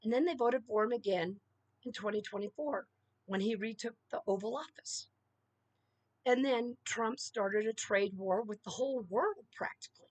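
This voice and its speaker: A woman's voice: on the high side, moderate pace, no room sound. A middle-aged woman delivering an emphatic solo political rant, punctuating her points with "okay?" and "you know.". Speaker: political commentator.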